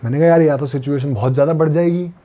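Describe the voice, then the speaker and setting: A young man from Uttar Pradesh tells a story as a podcast guest, in a casual conversational way. His voice sits a little high but sounds soft and warm. He acts out the dialogue of the people in his story as he goes. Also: racing. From Uttar Pradesh, India. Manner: lively retelling that acts out quoted dialogue. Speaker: podcast guest, long-distance pilgrim walker.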